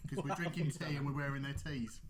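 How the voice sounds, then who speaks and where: A man's voice: medium pitch, fairly even intonation, fairly quick, over a noisy crowd. A man in his forties co-hosting a casual podcast, dropping short dry remarks into the banter. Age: 40s. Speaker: podcast co-host.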